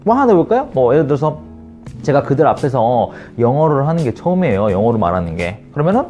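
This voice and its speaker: A man teaching English grammar to Korean viewers, reading example sentences slowly and checking in with rhetorical questions. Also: mid-range voice, big pitch swings, mellow, highs cut off, faint music behind. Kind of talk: video English lesson.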